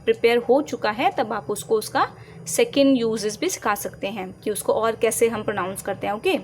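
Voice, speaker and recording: A woman with an Indian English accent, teaching phonics to parents and children, repeating each letter sound slowly and clearly. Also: a little high, darkish tone, a little hiss or hum. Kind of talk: slow, deliberate teaching to parents and kids.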